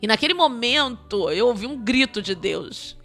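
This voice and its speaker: A woman's voice: a little high, expressive, moderate pace, a bit bright, faint music behind. A woman with a Brazilian Portuguese accent, a missionary preacher giving an impassioned sermon testimony, repeating phrases and breaking into tongues.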